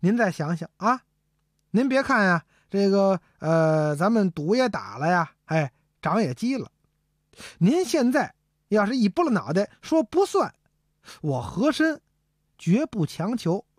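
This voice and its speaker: A woman voicing a sly, scheming male minister who talks soft and wheedling, in a storytelling piece. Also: medium pitch, big pitch swings, measured pace, no echo, clean studio sound.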